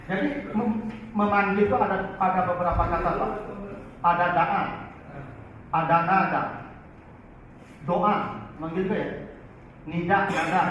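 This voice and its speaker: A man gives a Quran study lecture in a lively, high-pitched voice, often turning to his listeners. He sounds far from the mic in a very echoey hall. The recording is dull and lo-fi, with faint noise. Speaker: religious teacher.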